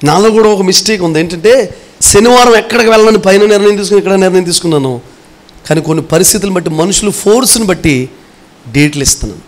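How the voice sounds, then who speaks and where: High-voiced man preaching a sermon. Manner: earnest, asks the congregation rhetorical questions; swings between forceful and hushed delivery. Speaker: pastor.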